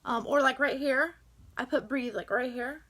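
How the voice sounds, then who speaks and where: Young woman, high voice, casual and chatty, lots of ums and likes. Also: moderate pace, a bit bright. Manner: chatty, enthusiastic, lots of fillers. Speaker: vlogger sharing essential oil tips. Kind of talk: casual chat to camera.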